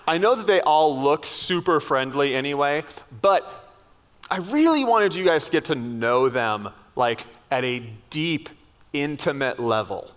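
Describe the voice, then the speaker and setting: A man's voice: a little high, fairly bright tone. A man leading a school chapel assembly, joking playfully with the students.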